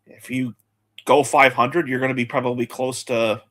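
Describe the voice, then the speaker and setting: A man's voice: medium pitch, flat delivery, moderate pace, a bit bright. A man hosting a live sports-betting show, chatting casually and rattling off match lists.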